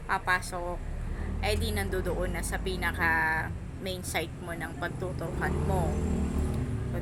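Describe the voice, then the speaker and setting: Slow-talking woman with missing front teeth. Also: mid-range voice. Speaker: medical technology instructor. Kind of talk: informal hands-on demonstration lesson. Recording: noisy room, noise from outside. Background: background noise, child outside.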